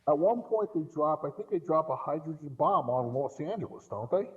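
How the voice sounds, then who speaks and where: Blunt and given to swearing, this middle-aged podcast guest co-commentator talks emphatically about movies in a casual discussion. His voice is a little high and animated at normal speed, with the highs cut off.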